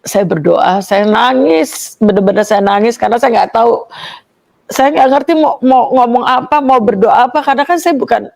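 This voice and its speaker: A young woman tells her own story as an emotional testimony. Her voice is mellow and dark with a gravelly fry. She talks in an animated way and acts out the lines of the people in her story. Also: on the high side, moderate pace. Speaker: guest giving a conversion testimony.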